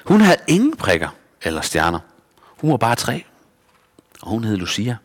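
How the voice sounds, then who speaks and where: A man reading a children's story aloud in a lively, expressive way. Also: fairly low pitch, big-room sound.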